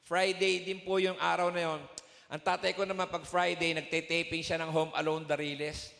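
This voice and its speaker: A man gives a heartfelt testimony to a congregation, acting out the voices in his story as he goes. His voice sits high and has a gravelly edge. The live recording carries the long reverb of a large hall. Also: little pitch movement, moderate pace, fairly bright tone. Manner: storytelling, acting out both sides of the dialogue. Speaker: church testimony speaker.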